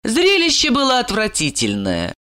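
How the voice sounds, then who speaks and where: A woman narrating an audiobook in an expressive, dramatic way. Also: fairly high pitch, moderate pace.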